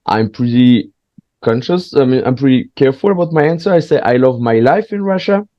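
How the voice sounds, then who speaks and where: This guest is a stand-up comedian from France, a native French speaker chatting in English with plenty of uhs and restarts. He comes across hesitant but candid, pausing often in a casual interview. His mid-range voice has lively intonation, and the dry recording sounds slightly muffled.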